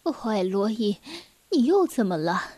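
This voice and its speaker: A woman voicing a gentle, calm mother in a children's storybook, speaking softly and soothingly, well below her own narrating voice. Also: on the high side, a little slow, no room sound. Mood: tired, patient. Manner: soft, hushed, soothing.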